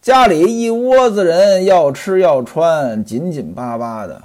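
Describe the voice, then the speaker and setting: A man's voice: a little high, expressive, measured pace, a little mellow. A man voicing a poor, wheedling middle-aged hanger-on who pleads and complains in a storyteller's acted dialogue. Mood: complaining.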